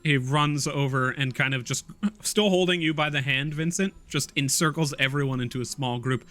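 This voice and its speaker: Male game master, relaxed descriptive narration, bright clear tone. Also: mid-range voice, moderate pace.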